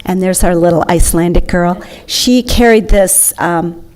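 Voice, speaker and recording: A woman's voice: lowish voice, normal speed, darkish tone. A woman giving an enthusiastic, chatty slideshow talk to an audience. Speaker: presenter.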